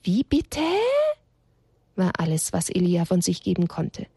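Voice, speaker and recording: A woman reading a children's story aloud in a gentle, expressive storytelling voice. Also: on the low side, fairly quick, creaky, slightly rough, no room sound.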